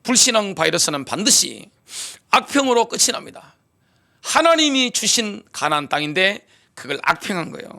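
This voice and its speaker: A man preaching to his congregation in a high, bright voice with a gravelly edge. He keeps firing rhetorical questions and answers them himself with force. He clears his throat between points. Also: very animated, moderate pace. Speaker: pastor. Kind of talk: sermon. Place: church sanctuary.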